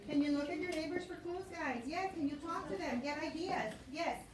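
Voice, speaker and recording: Really high voiced lady teacher talking to little kids, lots of questions, echoey noisy classroom. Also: moderate pace. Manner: prompting with questions and repeated instructions. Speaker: elementary school teacher. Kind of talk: classroom instruction to young children. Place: indoor school classroom. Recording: roomy, distant classroom recording with clear noise.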